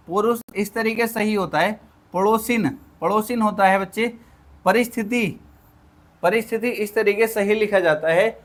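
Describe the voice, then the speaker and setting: Male exam-prep tutor, higher voice, teaches spelling as a drill, repeats words and answers his own questions. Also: fairly bright tone. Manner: repeats each word, addresses students as children; drills by asking and answering himself. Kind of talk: online spelling lesson.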